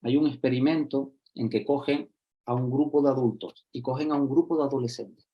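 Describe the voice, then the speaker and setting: A social educator from explains things to fellow educators over a video call. He is animated and acts out little scenes in different voices. He keeps checking that the listeners are following him. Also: mid-range voice, brisk, lo-fi sound. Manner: lively, acts out examples, checks in with "¿vale?" and "¿sí?". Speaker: social educator giving a talk.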